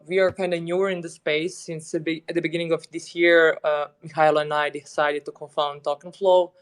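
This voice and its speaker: A man's voice: fairly high pitch, clear, resonant tone. A man from Serbia, a guest in an online audio chat, talking casually with frequent laughs and phrasing. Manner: relaxed, laughs often, loose non-native phrasing. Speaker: guest, head of business development. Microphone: online audio stream.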